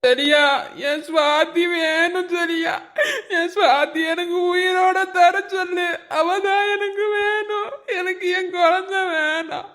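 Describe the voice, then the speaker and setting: A man's voice: very high voice, slow pace, fairly bright tone, full character voice. A performer voicing a grieving young husband in a cartoon, sobbing and begging for his dying wife. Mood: sobbing plea. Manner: sobbing, pleading. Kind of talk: cartoon voice acting.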